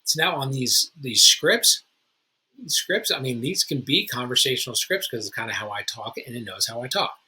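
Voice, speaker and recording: A man's voice: medium pitch, animated, normal speed, bright, forceful tone, breathy edge, poor audio. A man who hosts a real estate channel, giving a casual, informal how-to talk to other agents in a chatty way, often restarting his sentences. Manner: informal, chatty, self-correcting. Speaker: realtor and channel host.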